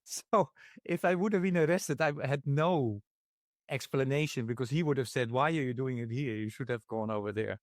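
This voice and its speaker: Male podcast host from the Netherlands, mid-pitched, halting and self-deprecating, dry close sound. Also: no room sound. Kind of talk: casual interview chat.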